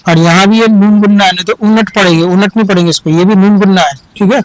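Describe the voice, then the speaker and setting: A man's voice: high voice, steady tone, quick pace, low-quality recording. A man teaching children to read Urdu, spelling out each word letter by letter, repeating it and correcting common misreadings. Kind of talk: slow spelled-out reading lesson for children.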